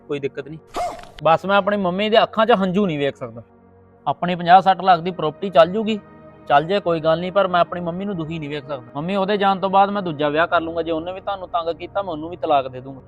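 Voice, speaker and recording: A man's voice: sits high, muffled recording, lightly acted. A man playing a young husband caught between his wife and his mother. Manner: earnest, pleading. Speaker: husband and son. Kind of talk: family skit acting.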